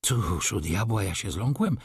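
A man's voice: sing-song, unhurried, breathy edge, no echo, clean studio sound, full character voice. A man doing a touchy aging shop manager. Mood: muttering. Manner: muttering low, then bursting out angrily.

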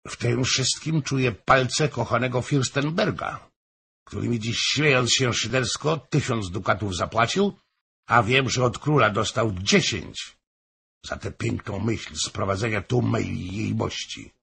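A bitter, hot-tempered nobleman husband in an audiobook, read by a man. His gravelly, deeply husky voice is pushed loud and a little higher. The delivery is slow and lively in pitch. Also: heavily acted.

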